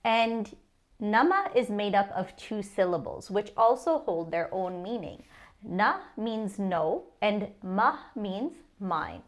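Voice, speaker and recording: Woman, unhurried explainer, patient and measured, sounds out each syllable. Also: mid-range voice, big pitch swings. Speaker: language teacher. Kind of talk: explanatory lesson.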